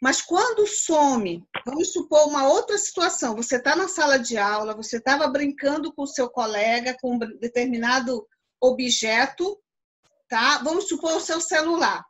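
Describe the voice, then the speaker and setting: High-voiced woman teaching a live online class. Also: expressive, normal speed, fairly bright tone. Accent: Brazilian Portuguese. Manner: explains patiently, checks with "tá?". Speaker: philosophy teacher. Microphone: video call.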